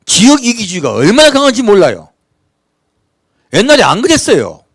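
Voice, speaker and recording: A man's voice: high-pitched, wildly swooping pitch, husky, no room sound. Korean pastor guy from jeolla, preaching hard, voice bounces all over, pretty dry sound. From South Korea, Jeolla region. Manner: impassioned preaching with rhetorical questions; reads scripture aloud in measured cadence. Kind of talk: sermon.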